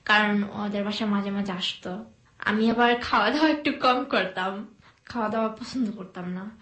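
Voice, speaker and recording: A young woman from Bangladesh recounts her own story in a relaxed interview. Her voice sits at a middling pitch and comes across soft and hesitant, broken up by pauses and fillers. The room around her is noticeably echoey. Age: young adult. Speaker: guest telling her life story.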